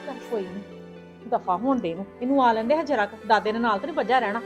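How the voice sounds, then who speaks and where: A woman's voice: fairly high pitch, fast, music in the background, lightly acted. A woman playing a spiteful, gossiping mother-in-law, in a family web drama. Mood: sneering. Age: middle-aged. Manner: sneering, complaining.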